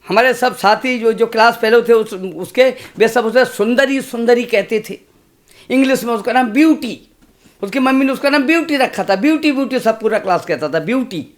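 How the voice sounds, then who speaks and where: A man in his sixties, a comic poet reciting humorous verse on stage in a slow, sing-song way with chatty asides to the audience. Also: very high-pitched. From India. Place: stage at a poetry gathering.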